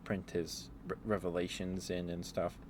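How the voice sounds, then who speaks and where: In a rambling, casual ASMR chat, a man with a deep voice and flat delivery wanders through stories, stopping and returning to earlier points. Background noise is plainly audible.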